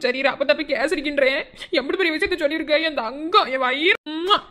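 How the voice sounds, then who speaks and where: A woman's voice: high voice, fast, pushed and bright. A woman voicing a fussy, doting older village mother-in-law in a cartoon, speaking Madurai Tamil. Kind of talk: cartoon voice acting.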